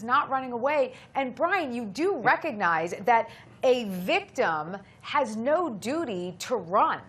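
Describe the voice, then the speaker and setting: A woman with a somewhat high voice hosts a live legal discussion. She is emphatic and ready to challenge, stressing her points as she argues. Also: a bit bright. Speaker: legal news host.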